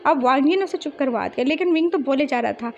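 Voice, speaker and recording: A woman's voice: high-pitched, quick pace, dull audio. A woman narrating a fan fiction story in a casual, chatty way.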